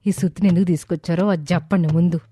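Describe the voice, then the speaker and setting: A woman's voice: fairly low pitch, fairly even intonation, racing, warm tone, slight background noise, natural voice. Woman playing a greedy scheming mother-in-law. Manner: plotting, wheedling and defensive. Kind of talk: storybook drama acting.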